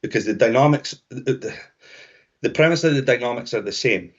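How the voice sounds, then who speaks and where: A man's voice: mid-range voice, animated, brisk. A Scottish man co-hosting a podcast, talking reflectively in casual conversation with frequent restarts. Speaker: podcast co-host. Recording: dull lo-fi sound.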